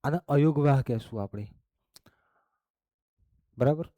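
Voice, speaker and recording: Male teacher, unhurried patient lesson delivery, mellow tone, close dry mic. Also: mid-range voice, no echo. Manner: slow, explains step by step with frequent "okay?" and "barabar?". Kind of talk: classroom lesson.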